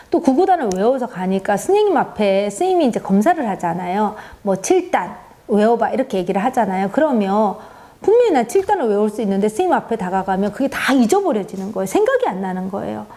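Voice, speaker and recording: A middle-aged woman giving an earnest parenting talk, telling stories and often affirming with short "yes" sounds. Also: mid-range voice. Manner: earnest, warm storytelling with many "네" affirmations. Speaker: parenting lecturer. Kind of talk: parenting talk with acted examples.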